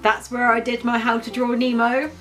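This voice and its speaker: Chatty higher-voiced woman vlogger. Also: monotone, moderate pace, a bit bright, soft background music, rough recording. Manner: chatty, candid, laughs easily. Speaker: vlogger co-host. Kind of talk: casual chat review.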